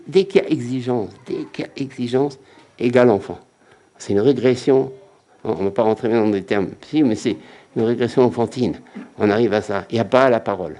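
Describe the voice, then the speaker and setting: A man's voice: medium pitch, darkish tone. A man giving a religious lecture as a rabbi, emphatic and repetitive, often acting out quotes.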